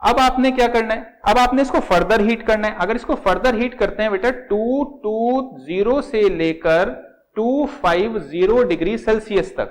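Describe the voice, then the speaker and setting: A man's voice: high-pitched, moderate pace, low-quality recording. A middle-aged man teaching chemistry. He explains step by step, repeats key words and calls his students "beta". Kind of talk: classroom lecture at a whiteboard.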